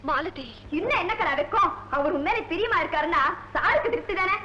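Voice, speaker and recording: An actress playing a quick-witted young woman tenant in a 1970s film comedy, talking persuasively and managing everyone. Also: extremely high pitch, expressive, sharp tone, reverberant, highs cut off, slight background noise, full character voice.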